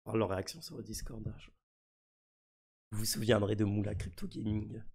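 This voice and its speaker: A man with a husky, gravelly voice, sick, giving casual live commentary as a mischievous streamer. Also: fairly low pitch, steady tone, moderate pace, darkish tone. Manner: mischievous, trolling his community. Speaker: streamer presenting a crypto NFT project.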